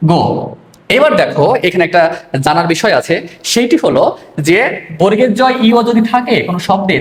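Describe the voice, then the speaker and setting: A man's voice: high voice, roomy sound. A man teaching pronunciation online, explaining step by step and answering his own questions.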